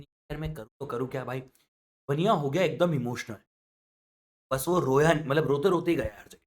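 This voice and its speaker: A male maths teacher teaching through a story, switching between quiet asides and loud outbursts. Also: fairly high pitch. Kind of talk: storytelling lesson.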